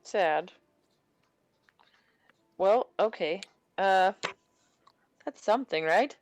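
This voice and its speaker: A woman's voice: mid-range voice, expressive, drawn-out words, no room sound. A woman playing a tabletop roleplaying game, rambling and cutting herself off, swearing freely. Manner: rambling, self-interrupting, swears a lot. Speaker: player.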